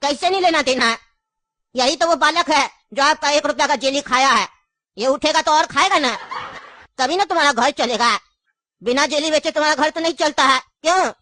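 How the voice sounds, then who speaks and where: A woman's voice: sits high, normal speed, sharp tone. A woman doing a crafty old cartoon grandpa. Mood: needling. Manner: insistent, coaxing, storytelling. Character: elderly grandfather, cunning, grieving his grandson. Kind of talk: cartoon voice acting.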